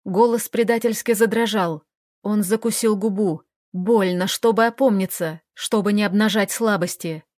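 Female audiobook narrator, measured and even; dry booth, mid voice. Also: mid-range voice, no room sound. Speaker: audiobook reader. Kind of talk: scripted narration.

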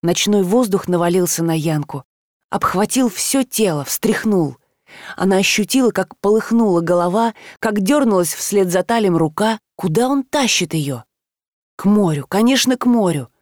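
A woman narrating an audiobook in an expressive, emotional reading. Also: mid-range voice, moderate pace, no echo. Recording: dry close studio sound.

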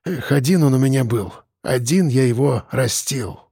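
A man voicing a grieving middle-aged father who is bitter and vengeful, talking hoarsely in tearful outbursts. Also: normal speed, dark tone, no echo, studio quality. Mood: weary confession. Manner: hoarse, swings from muttering to shrill outbursts.

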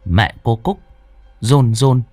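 A man's voice: medium pitch, slow pace, a little mellow, no room sound, faint music behind. A male storyteller narrating a horror story in a dramatic, suspenseful way.

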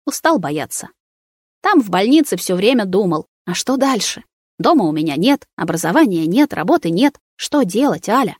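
A woman reading a tired young man, calmly resigned. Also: mid-range voice, moderate pace, husky, dry recording, clean studio sound.

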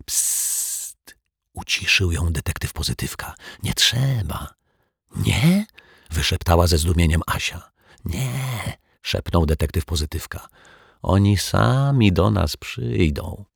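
A man voicing an excitable, eccentric male detective in a children's audiobook, gleeful one moment and hushed the next. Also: low-pitched, measured pace, gravelly, husky, no echo, clean studio sound, heavily acted. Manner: gleeful shouts turning to hushed whispers.

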